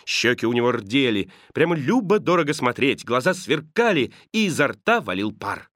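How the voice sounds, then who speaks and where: A man narrating a classic novel in an expressive storytelling manner. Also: mid-range voice, moderate pace, dry recording, studio quality. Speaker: audiobook narrator.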